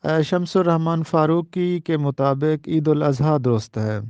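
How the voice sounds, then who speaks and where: High-voiced man teaching pronunciation. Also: fairly even intonation, darkish tone, clean tone, no room sound, lo-fi sound. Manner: careful, deliberate pronunciation drills. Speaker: Urdu teacher. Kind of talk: exam-prep lecture.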